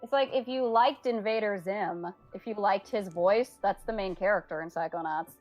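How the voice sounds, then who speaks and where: A woman's voice: mid-range voice, normal speed, a little mellow, faint music behind. Chatty woman voice actor guest. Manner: modest, chatty, laughs easily. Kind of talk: casual interview answers.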